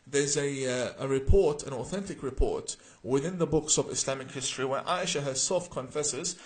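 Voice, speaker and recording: A man from Iraq with a husky, mid-range voice hosts a live Q&A stream at a normal pace. He reads out viewers' names and comments, then answers them earnestly, his speech full of uh's and repeated words.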